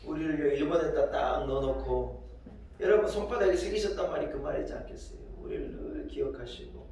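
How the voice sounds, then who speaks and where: A male pastor preaching a sermon with emphatic, rising delivery that swells into loud exclamations, recorded in a church. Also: mid-range voice, far from the mic. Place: church sanctuary. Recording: very echoey hall, voice from afar.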